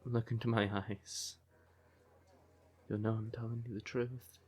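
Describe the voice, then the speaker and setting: In an intimate fantasy ASMR roleplay, a man with a breathy, tender, mid-range voice plays a devoted male siren who sings in a nightclub and is an affectionate, emotional boyfriend, though easily exasperated. The mood is tender yet intense, and he speaks unhurriedly and emotively, using pet names.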